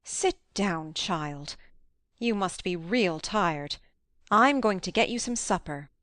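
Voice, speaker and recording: A woman voicing a stern, reserved elderly farm woman in an audiobook, low, quiet and clipped. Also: animated, slow pace, no echo, clean studio sound. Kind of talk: audiobook character voice.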